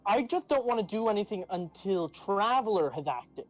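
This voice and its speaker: A player chatting casually and haltingly during a tabletop role-playing game. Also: mid-range voice, very animated. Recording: dull lo-fi sound, background music.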